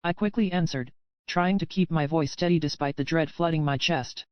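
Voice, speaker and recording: Smooth, clear woman narrating an audiobook. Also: deep voice, normal speed, dry recording, muffled recording. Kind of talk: first-person scripted narration.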